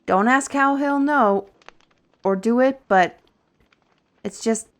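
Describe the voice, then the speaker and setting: Playing a wry, learned artisan steward in a fantasy audio roleplay, a woman speaks slowly in a fairly high voice. She addresses the listener conversationally and instructively, explaining things in a brisk mood.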